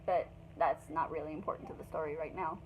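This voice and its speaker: A young woman telling a storytime vlog in a casual, animated way, heavy on fillers and swearing. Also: deep voice, fast, noisy background. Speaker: vlogger.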